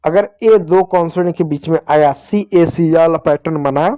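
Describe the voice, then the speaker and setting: A man's voice: fairly high pitch, normal speed, mellow, clean tone, dry recording. Man teaching phonics to kids. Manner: asks questions and answers them himself, repeats key points. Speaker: English teacher for children. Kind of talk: classroom-style phonics lesson.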